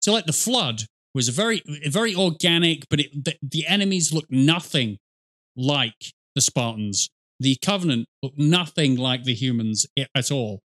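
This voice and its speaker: This reaction video host is a man in his thirties reacting to a game from a desk in a small room, headset on. His commentary is loose and rambling, full of self-corrections and swearing, delivered in a fairly bright, higher-leaning voice with lively intonation at normal speed.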